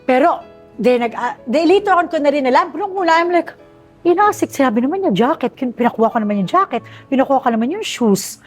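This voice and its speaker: Filipino woman guest, storyteller, high voice, light music underneath. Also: expressive, fast talker. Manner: chatty storytelling, asks "di ba?" often. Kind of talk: casual interview chat.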